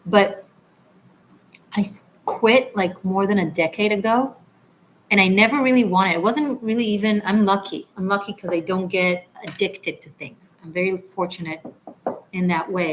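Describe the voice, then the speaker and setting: Hosting a relaxed livestream, an Israeli tarot reader answers comments from viewers in a medium-pitched voice, often restarting sentences and letting soft asides trail off. The audio is poor, with a little hiss or hum.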